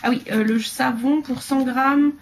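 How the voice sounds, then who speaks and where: A woman chatting casually through a beauty haul video, rambling with fillers and dropping into quiet asides. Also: high voice, steady tone, a little slow, background noise. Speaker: beauty vlogger.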